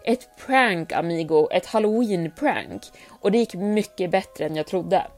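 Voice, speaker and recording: A woman's voice: fairly low pitch, lively intonation, faint music behind. A woman reading aloud, voicing a cocky young male prankster coworker who teases and brushes things off. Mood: smug. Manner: gleeful, teasing, dismissive.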